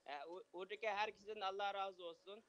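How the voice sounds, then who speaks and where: A man with a Uyghur accent speaking halting, broken non-native Turkish on a live call, often repeating himself. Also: high voice, flat delivery, a bit bright, highs cut off. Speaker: phone-in donor, university teacher. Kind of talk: live phone-in conversation.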